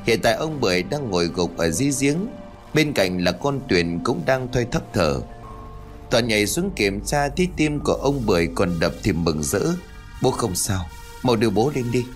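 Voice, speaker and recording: Male storyteller, low voice with a lively, swinging delivery, ghost-story narration over faint music. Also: normal speed.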